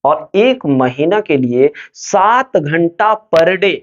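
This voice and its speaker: A man's voice: fairly high pitch, big pitch swings, very slow, dull audio. A man giving motivational study advice to students, asking questions and answering them himself.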